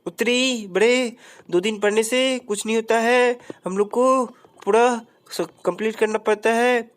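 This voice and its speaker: A woman voicing a playful cartoon boy who talks slowly and bossily, with a drawn-out, sing-song delivery in a comic gameplay voice-over. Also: a little high, lightly acted. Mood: teasing.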